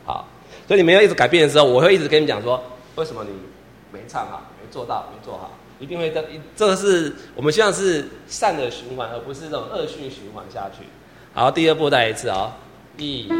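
A man's voice: medium pitch, lively intonation, brisk, a little hiss or hum. A man directing a choir rehearsal, patiently repeating instructions, counting the singers in and singing lines to show them. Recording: long hall reverb with piano behind. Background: piano accompaniment.

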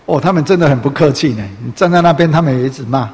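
A man's voice: fairly high pitch, very fast, a little mellow. Male preacher, chatty sermon, rhetorical questions, long hall reverb. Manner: chatty, full of filler particles and rhetorical questions. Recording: roomy hall reverb, faint noise.

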